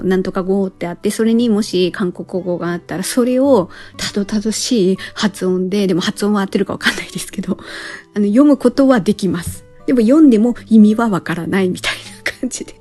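A woman hosting a solo podcast, talking casually and thinking aloud with frequent pauses. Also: medium pitch, faint music behind. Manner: relaxed and chatty, thinks aloud with many pauses. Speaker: podcast host.

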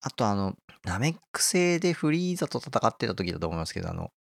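A man's voice: fairly low pitch, big pitch swings, quick pace, vocal fry, no echo, clean studio sound. A man hosting a casual talk, explaining a favourite manga and often chuckling as he goes. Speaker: host.

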